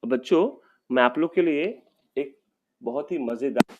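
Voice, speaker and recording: A man's voice: medium pitch, measured pace, dull audio, background noise. A male teacher giving an online class for young children, speaking patiently, often calling out to the kids and drawing out vowel sounds.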